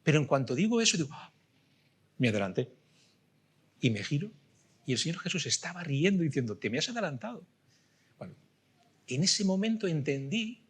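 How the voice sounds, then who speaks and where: A middle-aged man preaching a sermon, telling a story with loud bursts and soft asides. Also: fairly high pitch, very animated, moderate pace, pauses often, breathy edge.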